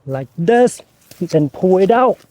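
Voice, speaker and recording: A man's voice: sits high, slow. A man from Thailand, chatting casually while showing a gardening how-to outdoors in a home garden. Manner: chatty, relaxed, speaks to viewer directly. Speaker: gardening channel host.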